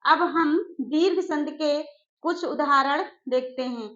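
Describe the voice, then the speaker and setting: A woman teacher giving an exam-prep grammar lesson, slowly repeating key phrases and putting questions to her students. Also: high voice, a bit bright. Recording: echoey room, dull lo-fi sound.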